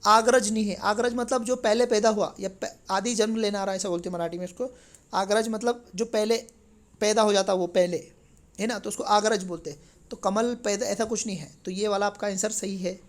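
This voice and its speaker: A chatty male teacher whose first language is Marathi walks through an exam paper in a conversational style, checking in often with tag questions. His voice sits high with a steady tone, and he speaks fairly quickly.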